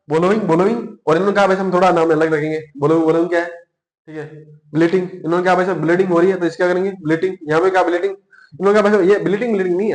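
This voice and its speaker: A man's voice: sits high, reverberant. A man with a Rajasthani Hindi accent teaching an exam class, chatty and repetitive, asking himself questions as he goes. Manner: chatty, repeats points and asks himself questions. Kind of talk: classroom lecture with memory tricks.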